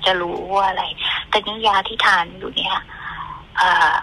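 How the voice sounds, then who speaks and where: A middle-aged woman giving an earnest, halting account in an interview as a mother, often repeating herself. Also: mid-range voice, flat delivery, bright, forceful tone, slightly rough, poor audio.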